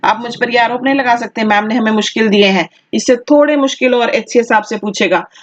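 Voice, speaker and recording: A woman teaching an online exam-prep lesson, carefully dictating words and explaining their spelling, often pausing with "okay". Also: a little high, lo-fi sound. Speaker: Hindi teacher.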